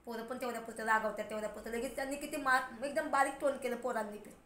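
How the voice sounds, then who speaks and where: A woman's voice: on the high side, steady tone, racing, pushed and bright. A woman in a casual personal vlog, rambling emotionally and talking straight to her viewers. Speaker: vlogger. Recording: roomy echo, faint background noise.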